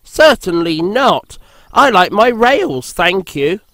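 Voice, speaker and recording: A man voicing a small, cheeky young tank engine in a storybook reading, high and eager and quick to take offence. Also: expressive, a bit bright, no echo, full character voice. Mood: cheerful.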